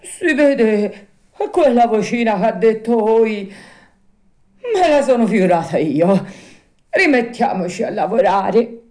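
Lady putting on a grumbly old carpenter guy, muttering to himself, louder and rougher than her storytelling voice, storybook. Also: low voice, expressive, a little slow. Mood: nervous. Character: old male carpenter, jovial then frightened.

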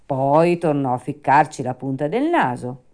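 A woman narrating a fairy tale in a slow, expressive reading voice. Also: low voice. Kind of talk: storybook reading.

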